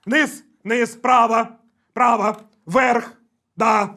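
A young man steers a teammate through a party game with strings of repeated one-word directions, swearing and laughing as he goes. His voice sits high and bright, with a slow, drawn-out pace. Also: fairly even intonation. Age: young adult. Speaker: game show contestant.

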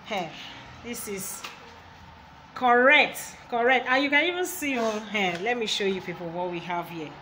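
Chatty and playful, laughing often, a Nigerian-accented vlogger in her thirties talks casually while filming her family in the yard outside and the kitchen indoors. Her mid-range voice is bright and forceful, with lively intonation and a moderate pace. Captured on a handheld phone camera, the audio is noisy and she sounds far from the mic.

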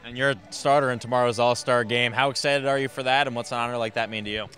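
A man's voice: medium pitch, fairly even intonation, fast, fairly bright tone. A young man hosting a postgame sports show and interviewing a player, outdoors on a field with a handheld mic, in a polished broadcast delivery. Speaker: host and interviewer.

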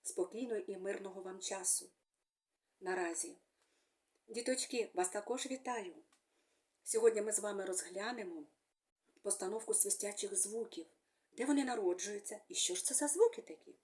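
A woman speech therapist giving a gentle, sing-song speech lesson to young children, using fond little words for them. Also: mid-range voice, normal speed, pauses often.

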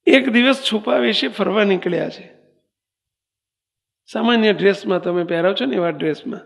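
High gravelly voice of a male swami. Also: normal speed. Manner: asks the audience rhetorical questions. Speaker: swami preaching. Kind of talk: sermon with parable storytelling. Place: temple hall. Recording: long reverb of a temple hall.

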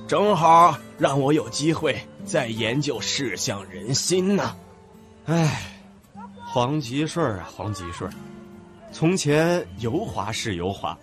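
An actor playing a scheming, self-satisfied retired old man in an audiobook drama, drawling and sardonic with a flavor. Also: on the high side. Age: older. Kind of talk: audiobook radio-drama acting.

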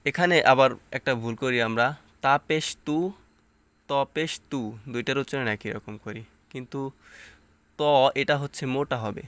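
A man's voice: mid-range voice, normal speed, a bit bright, smooth, dry recording. A man with a Bangladeshi Bengali accent teaching Quran reading, spelling out each letter and vowel sign aloud and then explaining common pronunciation mistakes. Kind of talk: slow spelled-out recitation lesson.

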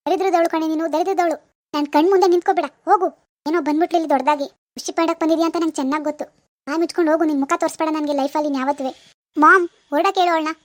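A grieving young cartoon wife who lashes out in bitter accusations, voiced by a woman. Her voice sits very high and the words tumble out quickly. The recording is close and completely dry. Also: fairly even intonation, a little mellow, no echo, lightly acted. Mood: furious. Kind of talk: animated village drama voice acting.

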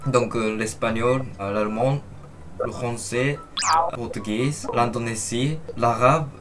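A man's voice: mid-range voice, fairly even intonation, a little slow, loud music behind the voice. A man, chatting casually and playfully with strangers as a video host. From Japan. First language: Japanese. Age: 20s. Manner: friendly, playful, switches languages easily. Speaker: language-learning video host.

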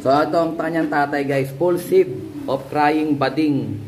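A man's voice: a little high, fairly even intonation, measured pace. A man from the Philippines, casually showing pigeons and their pedigrees to viewers, often calling them guys. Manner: chatty, keeps addressing viewers as guys. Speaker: pigeon breeder and vlogger. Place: pigeon loft with birds around. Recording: noisy loft with bird sounds. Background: pigeons cooing.

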